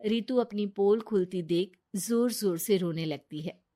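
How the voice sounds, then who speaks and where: A woman narrating a cartoon moral story in a plain, steady way. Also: medium pitch, measured pace.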